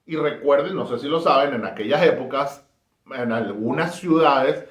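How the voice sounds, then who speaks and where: A man's voice: medium pitch, moderate pace. Emphatic Colombian man in an echoey room. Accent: Colombian Spanish. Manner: emphatic, repeats phrases for effect. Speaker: history commentator. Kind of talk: casual spoken history talk.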